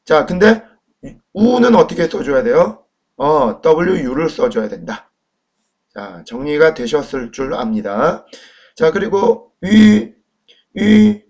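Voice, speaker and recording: A man teaching Chinese pronunciation in a lecture, slow and deliberate, often asking questions to the viewer. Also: fairly high pitch, lively intonation, a little mellow, breathy edge. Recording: dull lo-fi recording.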